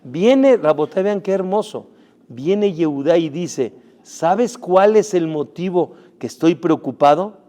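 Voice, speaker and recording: Emphatic man preaching, higher voice. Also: measured pace. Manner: emphatic, rising and dropping loudness, rhetorical questions to the audience; sprinkles Hebrew terms into Spanish. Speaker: rabbi. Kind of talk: Torah class sermon.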